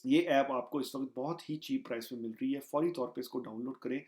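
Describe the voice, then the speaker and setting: A man teaching a beginner German lesson, repeating each phrase slowly and deliberately. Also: mid-range voice, fairly even intonation, a little mellow. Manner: slow, deliberate repetition of phrases.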